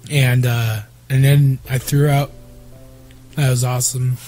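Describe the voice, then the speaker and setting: A young man co-hosts a relaxed chat, his voice strained and worn from being sick. He rambles loosely through his stories and swears freely. Faint music plays under the talk. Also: medium pitch, unhurried. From Iowa. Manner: profane, rambling storytelling. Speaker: podcast co-host. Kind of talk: casual chat.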